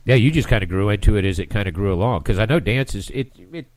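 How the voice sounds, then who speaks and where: Stuffed-up radio host. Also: male voice, on the low side, lively intonation, fast, darkish tone, dry recording. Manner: chatty, rambling, restarts phrases often. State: congested, stuffed-up nose. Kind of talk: casual radio interview.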